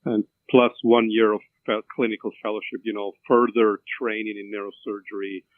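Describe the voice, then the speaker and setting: A man in his fifties with an Albanian accent, a neurosurgeon answering interview questions in a halting way with many fillers and restarts. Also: on the low side, level tone, no echo. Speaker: neurosurgeon guest. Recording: tinny phone-like line, dry.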